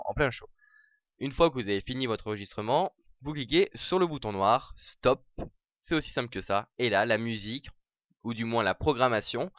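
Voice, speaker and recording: A man giving a casual, chatty software tutorial over a screen recording, full of fillers and restarts. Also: medium pitch, dry recording, muffled recording.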